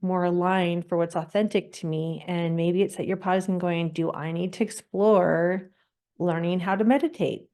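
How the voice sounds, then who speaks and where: A woman podcast host leading a gentle guided breathing exercise, often laughing and slowing down as she guides. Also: on the low side.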